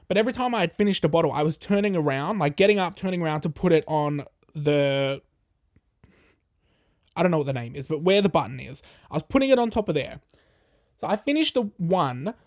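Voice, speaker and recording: A podcast host, telling a story casually in a profane, animated and jokey way. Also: medium pitch.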